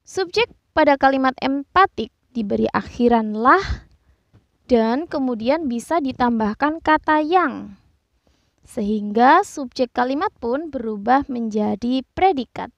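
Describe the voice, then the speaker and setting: A woman with a high voice narrates a scripted grammar lesson at a slow, careful pace. Her voice has a gravelly edge. The recording is dry and a little dull. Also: animated, no echo. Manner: slow, careful explaining with read-out examples. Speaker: teacher.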